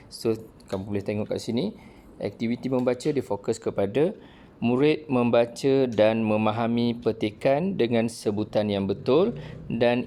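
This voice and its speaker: Cikgu lelaki beraksen Melayu Malaysia, suara rendah, mesra, ada bunyi bising latar yang samar. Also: male voice, on the low side, dark tone, a little hiss or hum. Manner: friendly, repeats "okey" often. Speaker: teacher. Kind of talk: online primary-school lesson.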